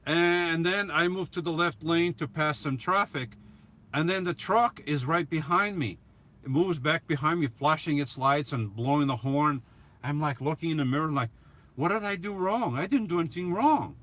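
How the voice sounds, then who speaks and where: His voice is a little high and fairly bright. As a middle-aged man with a foreign accent running a YouTube live stream, he answers chat casually, wandering off topic, chuckling, and restarting sentences with small laughs.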